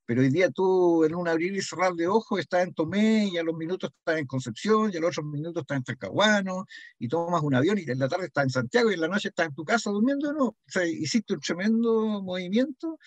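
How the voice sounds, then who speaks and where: An older man with a Chilean accent, an interview guest from a local heritage association, reminisces conversationally and explains through examples, often checking that the listener is following. His voice sits high, and he talks fast and animatedly on a dry recording.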